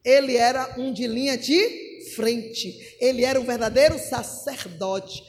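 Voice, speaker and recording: A middle-aged woman, preaching a sermon, emphatic and swinging from loud to hushed. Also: a little high, unhurried, big-room sound, a little hiss or hum.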